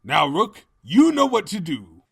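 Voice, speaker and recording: A man's voice: high-pitched, wildly swooping pitch, measured pace, vocal fry, a bit bright, slight background noise, pitched above the performer's own voice, exaggerated voice. A swooping, pompous evil cartoon king, Sombra. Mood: smug, scheming. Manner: theatrical, grandiose delivery. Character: pompous, scheming, cowardly evil pony king, melodramatically fake-grieving.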